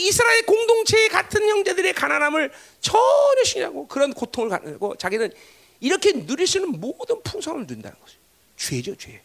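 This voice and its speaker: A man's voice: vocal fry, a bit bright. A man preaching a sermon, emphatic, constantly asking the congregation for agreement. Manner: emphatic, pitch swinging widely, constant tag questions to the congregation. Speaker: pastor.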